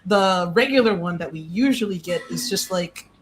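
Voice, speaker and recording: A live stream host with a slightly shot voice, hoarse from yelling, chatting casually in a bubbly, slangy, exclamatory way. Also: medium pitch, lively intonation, normal speed, a little hiss or hum. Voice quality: voice a little shot and hoarse from too much yelling and talking. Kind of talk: casual chat.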